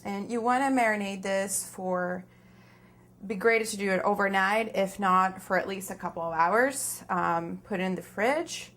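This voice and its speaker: A woman's voice: medium pitch, measured pace, fairly bright tone. A woman in her thirties with a Venezuelan accent, giving informal step-by-step cooking instruction in a home kitchen. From Caracas, Venezuela. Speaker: cooking demonstrator. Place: small home kitchen, indoors.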